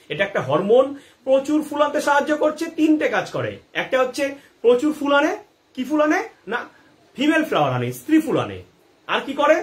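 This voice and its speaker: With a very high and slightly bright voice, a gardening advice host runs a live Q&A. He responds to viewer questions, asks himself rhetorical ones, and keeps touching base with the people watching.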